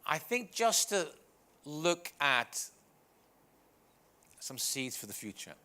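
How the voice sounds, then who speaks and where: A man's voice: on the high side, very animated, slow pace, sharp tone. A man hosting a session informally, introducing and questioning guests, rephrasing hesitantly as he goes. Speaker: session host and interviewer.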